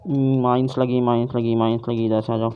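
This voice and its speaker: A man's voice: mid-range voice, level tone. Man barking repeated game orders. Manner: bossy, repeats orders quickly. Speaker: gamer, channel host. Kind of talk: casual voice chat while gaming. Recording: muffled voice chat with light noise.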